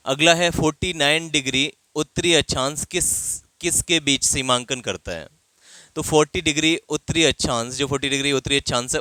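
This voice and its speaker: A man's voice: mid-range voice, bright, forceful tone, no echo. A man teaching an exam quiz lesson, reading each question and then explaining the answer.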